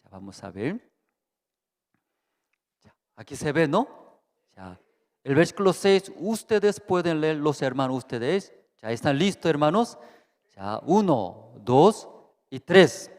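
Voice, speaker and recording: A man preaching at a Bible seminar, halting and repetitive, constantly checking in with the congregation. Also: on the high side, very animated, darkish tone, long reverb tail. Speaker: pastor. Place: church hall.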